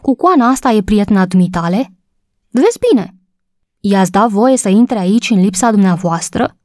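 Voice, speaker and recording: A woman reading a storybook voices a male police sergeant who speaks in a formal, calming, polite way. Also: medium pitch, dry recording, clean studio sound, natural voice. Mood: placating.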